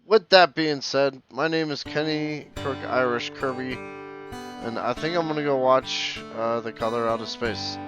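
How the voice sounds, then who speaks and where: A man's voice: medium pitch, normal speed, a bit bright. A man co-hosting a casual podcast, laid-back and giggly as he reads out plugs, on a slightly dull lo-fi mic with faint music behind. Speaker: podcast co-host.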